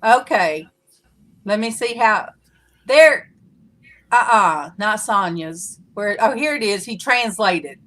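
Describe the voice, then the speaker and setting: Southern lady hosting a live chat, bright voice, slow drawl. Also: medium pitch, animated. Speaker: host of a live chat show.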